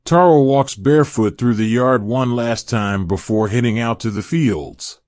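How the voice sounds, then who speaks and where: A man narrating a scripted sleep story in a slow, soothing, meditative manner, taking his time over each phrase. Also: medium pitch, a little mellow, no echo, clean studio sound. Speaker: narrator of a bedtime history story.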